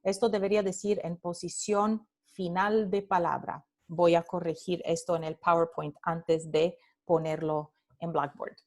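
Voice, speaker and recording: A woman lecturing on phonetics over slides, explaining patiently, repeating example words to demonstrate sounds and adding short English asides for her students. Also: medium pitch. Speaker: Spanish phonetics instructor.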